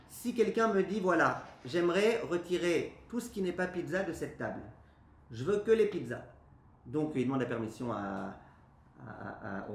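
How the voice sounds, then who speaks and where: An animated man teaches a live class as a rabbi, firing questions at his listeners and answering them himself. His voice sits a little high. The room is echoey, with a faint hiss underneath. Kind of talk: lively spoken Torah lesson.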